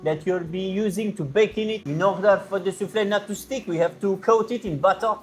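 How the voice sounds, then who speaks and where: Playing an excitable French chef on a cooking show, this man uses a French accent to teach soufflé with fussy delight, giving a casual step-by-step tutorial full of exclamations, French interjections, and kitchen sound words. His high voice moves a little fast, lightly acted, in an instructive, encouraging mood.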